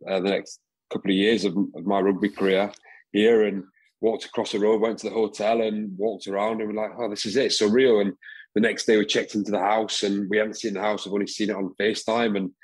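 Man, 20s, from england, husky, lowish voice, casual interview, headset video call. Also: fairly quick, poor audio. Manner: relaxed, rambling with fillers and laughs. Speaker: guest rugby player. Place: home room, indoors.

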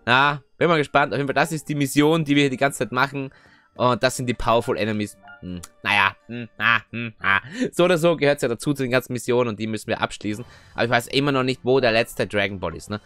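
Aufgeregter junger Mann kommentiert ein Videospiel. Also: male voice, mid-range voice, clear, resonant tone, no echo. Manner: chatty, excitable, frequent tag questions. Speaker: gaming video host. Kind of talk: let's play commentary. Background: faint game music.

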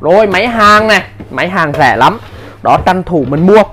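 A man giving an insistent hard-sell live sales pitch as a seller, in short, repetitive bursts. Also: lively intonation, normal speed, a bit bright, slight background noise. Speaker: live-sale seller of power tools.

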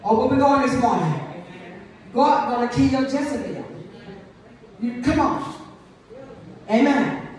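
A woman pastor preaches with fervent call-and-response energy, calling out to her congregation. Her voice sits very high, and it rings through a reverberant church from some distance off the mic. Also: expressive, takes it slowly, pauses often, a little mellow. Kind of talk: sermon. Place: church service. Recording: echoey room, voice from a distance.

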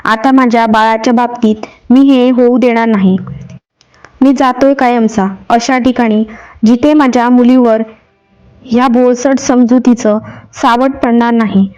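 A woman reads out a heartbroken young husband in a storybook tale, pleading and then firm and bitter. The voice sits fairly high, and the recording sounds a bit dull and lo-fi. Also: steady tone, unhurried, a little mellow, natural voice. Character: grieving young husband, man, heartbroken and defiant.

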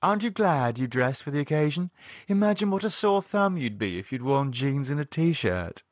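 Breezy, teasing cult hostess, a young woman, put on by a male reader, pitched well up. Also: big pitch swings, normal speed, dry recording, studio quality.

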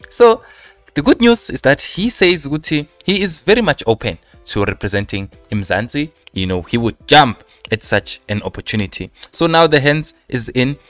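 Deep-voiced young South African man. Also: a bit bright, dry recording. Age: young adult. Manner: conversational, addresses viewers as friends. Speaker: football news presenter. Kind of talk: casual football news update mixing English with Zulu. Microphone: handheld microphone close to the mouth.

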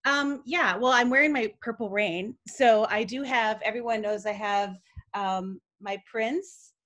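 A middle-aged woman chatting as a guest from home, telling lively stories and acting out the people she quotes. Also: fairly high pitch, measured pace. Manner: lively storyteller who acts out quoted people. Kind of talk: casual chat.

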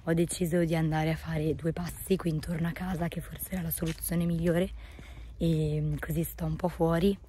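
Woman, thirties, hoarse voice giving out, soft mellow tone, casual vlog chat, phone at arm's length, noticeable background noise. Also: low voice, little pitch movement, moderate pace. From northern Italy. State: hoarse, losing her voice, partly breaking into whisper. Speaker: daily vlogger.

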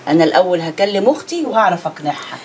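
A practical, scheming aunt. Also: female voice, on the low side, very animated, very fast, darkish tone, a little hiss or hum. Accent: Egyptian Arabic. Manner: matter-of-fact, persuading. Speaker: actress in a film. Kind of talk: film drama acting.

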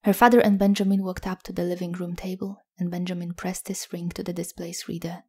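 A woman reads a story aloud in a soft, measured narration that often sinks toward a whisper. Her voice is low and husky, with very little rise and fall in pitch. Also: level tone. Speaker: audiobook narrator.

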